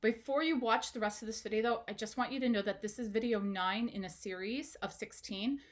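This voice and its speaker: A woman with a voice on the higher side gives a parenting lesson to camera. She speaks straight to the viewer, asks questions and keeps her tone encouraging. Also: brisk. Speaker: parenting educator. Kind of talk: instructional video talk.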